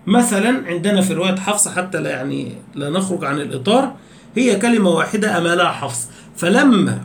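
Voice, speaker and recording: A man with an Egyptian Arabic accent teaching Quran recitation rules in a lecture. He asks the class repeated questions and slows right down to recite examples. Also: high voice. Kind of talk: tajweed lecture. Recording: echoey room with faint background noise.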